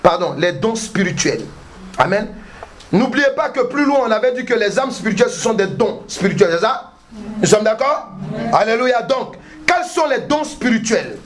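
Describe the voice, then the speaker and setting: Male pastor, very high pitch, emphatic call-and-response sermon, shouts for emphasis. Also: big pitch swings, normal speed. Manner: emphatic call-and-response preaching, frequent alléluia and amen; bursts into shouting.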